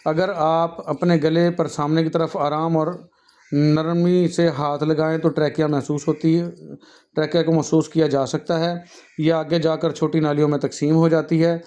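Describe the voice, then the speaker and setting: A man's voice: fairly high pitch, level tone, moderate pace, darkish tone, clear, resonant tone, muffled recording. A man giving a patient classroom lecture on anatomy, talking students through diagrams, often calling them "beta", with frequent fillers and self-corrections. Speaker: nursing and health teacher.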